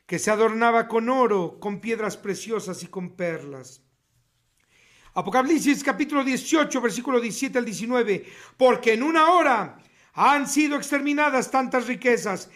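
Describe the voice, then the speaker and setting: A man with a very high-pitched, slightly bright voice preaches a sermon over the radio, reading scripture slowly, emphatically, and declamatorily into a radio studio mic.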